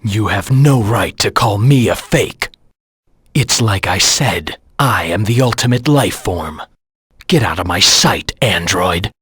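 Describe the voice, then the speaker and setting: Casting: dark hedgehog antihero for a video game; deep, raspy, stern, proud and brooding. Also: male voice, animated, slow pace, no echo, clean studio sound, exaggerated voice. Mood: cold, defiant. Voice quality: gravelly, husky. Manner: stern, brooding, self-assured. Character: brooding male hedgehog antihero, proud, cold, haunted by lost past. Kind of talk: scripted video game voice lines.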